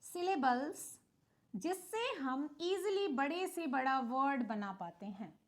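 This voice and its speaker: A woman English teacher with an Indian accent explains a lesson to her students, patiently posing questions and answering them herself. Her voice sits high with lively intonation, she speaks slowly, and she mixes English words into Hindi.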